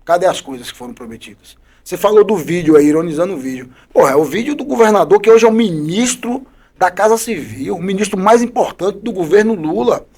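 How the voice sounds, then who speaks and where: Man, high voice, combative politician guest, punchy rhetorical questions. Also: expressive, brisk, darkish tone, slightly rough. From Bahia, Brazil. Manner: combative, emphatic criticism with repeated rhetorical questions. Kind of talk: podcast interview.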